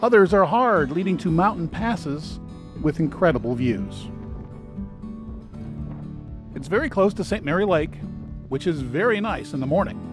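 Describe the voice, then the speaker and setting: A man with a high, expressive voice narrates a travel video as a guide, speaking at a measured pace with long pauses. His script is informative, broken up by dry, lightly sarcastic asides, and soft music plays in the background.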